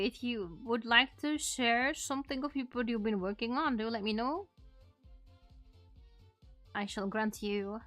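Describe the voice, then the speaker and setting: A woman's voice: fairly high pitch, fairly bright tone, no room sound. A woman livestreaming as a host, chatting casually in a cute, bubbly anime-streamer manner. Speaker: VTuber art streamer, host.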